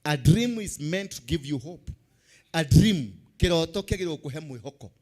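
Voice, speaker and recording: A man's voice: a little high, lively intonation, quick pace, darkish tone. A man with a Kenyan accent delivering a church sermon like a TV preacher, emphatic and repeating key phrases as he switches between languages.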